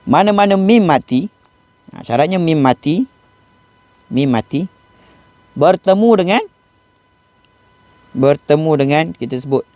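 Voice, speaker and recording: A man with a Malaysian Malay accent teaching Quran recitation rules, explaining patiently and slowing down to model each example. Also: on the high side, expressive, a little mellow, no echo. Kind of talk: classroom lesson on recitation rules.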